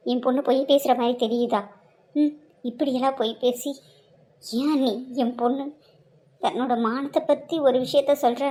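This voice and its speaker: Woman doing a protective mom in a cartoon, high voice, confrontational and accusing. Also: mellow. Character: middle-aged mother, fierce and protective. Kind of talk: cartoon drama voice acting.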